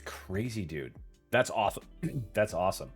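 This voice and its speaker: A man's voice: lowish voice, expressive, moderate pace, slightly rough, faint music behind. A man hosting an interview, laid-back and casual, who swears easily and calls his guest "dude". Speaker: interview host.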